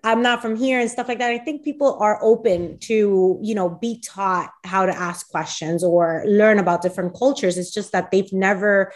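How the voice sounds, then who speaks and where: A woman's voice: medium pitch, steady tone, moderate pace, hardly any pauses. A woman co-hosting a casual podcast, talking in an earnest, reflective way. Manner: earnest, reflective, many fillers. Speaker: podcast co-host. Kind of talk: casual chat.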